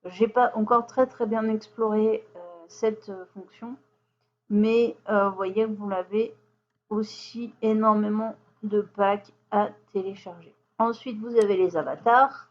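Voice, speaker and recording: A woman's voice: mid-range voice, fairly even intonation, measured pace, highs cut off. Chatty woman with many fillers. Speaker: software tutorial host. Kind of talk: screen-share software walkthrough.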